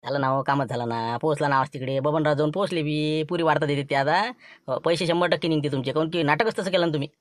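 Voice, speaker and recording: A man with a Vidarbha Marathi accent talking in a low-key, scheming way in a comedy sketch dialogue. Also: fairly even intonation, quick pace, no echo, clean studio sound.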